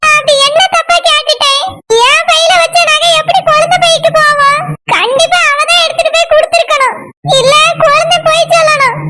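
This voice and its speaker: A very high, squeaky cartoon village wife with a Kanyakumari accent, played by a woman, forever complaining and scolding her household. Loud noise hums under the voice throughout. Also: steady tone, brisk. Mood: bitter. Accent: Kanyakumari Tamil. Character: aggrieved, sharp-tongued village wife and mother. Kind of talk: cartoon voice acting.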